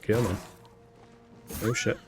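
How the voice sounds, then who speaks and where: A man's voice: slow pace, faint music behind. A man giving casual, joking commentary as he streams a game, laughing often.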